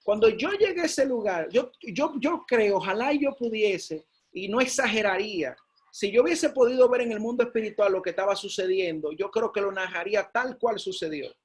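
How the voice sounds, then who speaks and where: A man preaching a sermon, telling a personal testimony with excited repeats and emphatic peaks. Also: high-pitched, moderate pace, breathy edge.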